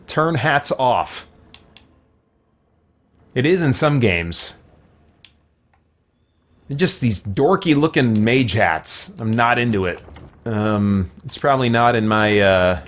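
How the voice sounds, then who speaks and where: A man with a medium-pitched, slightly bright voice hosts a let's-play, offering casual gaming commentary. He thinks out loud in a conversational manner and answers questions from viewers.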